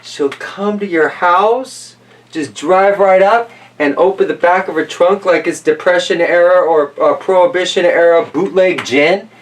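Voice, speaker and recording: This is a man with a high-pitched, unhurried voice leading a chatty picture-book reading that's folksy, playful and full of rambling side comments. The recording has a roomy feel from a distant mic, plus slight noise.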